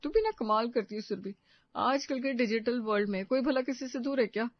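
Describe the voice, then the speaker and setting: A chatty young woman friend from an animated story, voiced by a woman, lively and teasing. Her voice sounds slightly distant and dull, as if from a lo-fi recording. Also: a little high, brisk, dry recording, voice pushed up, natural voice.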